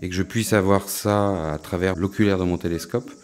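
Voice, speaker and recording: A man's voice: deep voice, fairly even intonation, fairly quick. A middle-aged man, a science educator, explaining things in an interview. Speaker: astronomy centre director and science educator.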